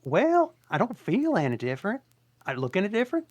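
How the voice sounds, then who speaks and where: A chatty, anxious donkey frets and jokes at full tilt, as a performer reads him at a table read. He talks fast and swings his voice up when he worries. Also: medium pitch, wildly swooping pitch. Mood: eager. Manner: fast, fretful and jokey.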